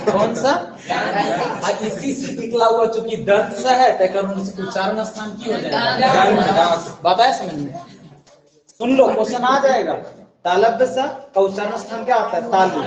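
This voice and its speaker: A male grammar teacher, teaching a class and drilling rules by asking his students to repeat. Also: high voice. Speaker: Hindi and Sanskrit grammar teacher. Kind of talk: classroom lesson. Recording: echoey classroom from far off.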